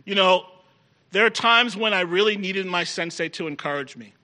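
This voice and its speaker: A middle-aged male preacher delivering a sermon to a congregation in the room. His voice sits high and sounds piercingly bright. He is emphatic and drives his points home by repeating key phrases. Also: moderate pace.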